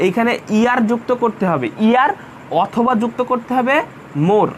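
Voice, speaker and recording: A man's voice: very high voice, normal speed, a little hiss or hum. A man teaching an English grammar class in Bengali, explaining patiently and going over each point again. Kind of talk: online class lecture.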